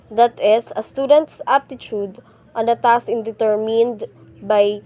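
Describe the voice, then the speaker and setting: A young woman from the Philippines reading a class report aloud, slowly and carefully, with small slips and restarts. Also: a little high, dark tone. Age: young adult. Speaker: student presenter.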